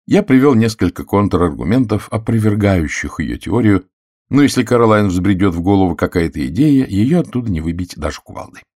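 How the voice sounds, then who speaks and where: A man reading a novel aloud in the first person, measured and expressive. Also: on the low side, dry recording, clean studio sound. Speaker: audiobook narrator.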